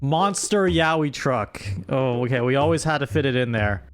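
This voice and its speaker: A man with a mid-range, expressive voice speaks at a moderate pace while hosting a laid-back livestream story-writing game for his chat. Over background music, he reads entries aloud and reacts with playful mock-exasperation.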